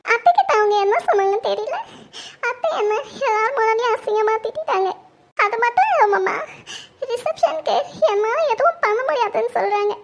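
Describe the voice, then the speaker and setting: A woman's voice: very high voice, animated, fast, a little hiss or hum. A woman playing a young wife who pleads tearfully with her husband about her mother-in-law. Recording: dull lo-fi recording.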